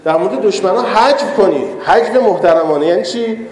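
A man preaches a sermon in a high, light voice, a cleric leaning on rhetorical questions and slipping in humorous asides. His words ring out in an echoey hall with a long, lingering reverb. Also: animated, a little mellow.

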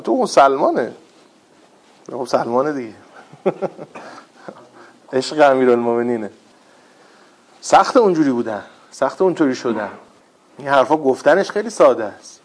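A man preaching in a lively storytelling way, with rhetorical questions and wry humor. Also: mid-range voice, pauses often. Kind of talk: religious talk with retold stories.

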